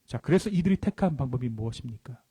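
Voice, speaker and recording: A male pastor preaching a sermon, asking the congregation questions and answering them himself, often trailing off into soft low endings. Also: animated, fast, husky. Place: church sanctuary. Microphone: handheld or stand mic. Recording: long church reverb.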